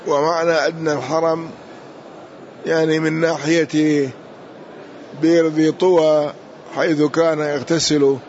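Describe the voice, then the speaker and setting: A man's voice: a little high, a little mellow, a little hiss or hum. A man teaching a lesson, explaining a classical text and repeating key words to drill their pronunciation, in a muffled lo-fi recording.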